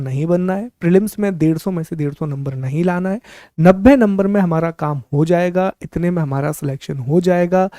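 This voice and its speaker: A man's voice: a little high, mellow, no echo. Man, exam coaching teacher, strategy lecture, direct advice, rhetorical questions, dry close sound.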